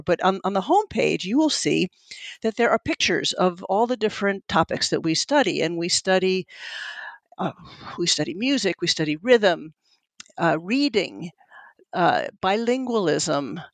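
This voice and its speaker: Her voice sits low, with no echo in the room. She's a middle-aged neuroscientist running her own lab, Italian by first language, giving thoughtful, earnest interview answers in a conversational tone while often searching for words.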